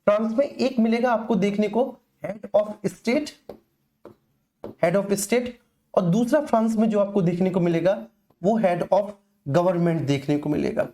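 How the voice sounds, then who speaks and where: A middle-aged woman teaches an exam-prep class with a warm, mellow voice. She repeats every key answer and speaks to her students fondly as children. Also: mid-range voice, a little slow. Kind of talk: online exam-prep lesson.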